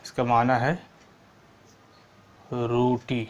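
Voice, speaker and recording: A male teacher leads a slow, spelled-out vocabulary lesson, breaking every word into its letters before repeating it. He keeps a steady, flat delivery with long, deliberate pauses between words. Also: mid-range voice. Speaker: language teacher.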